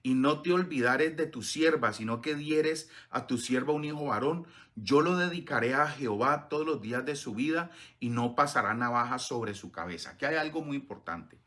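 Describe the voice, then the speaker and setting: A man preaching a sermon, reading scripture aloud between earnest comments, often pausing on hesitant fillers. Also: medium pitch, a bit bright. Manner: earnest, addresses listeners as beloved, frequent hesitant fillers.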